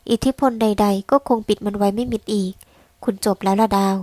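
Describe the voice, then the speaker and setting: A woman voicing a cold, detached older wealthy husband who speaks in a flat, measured way. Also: mid-range voice, no room sound, natural voice.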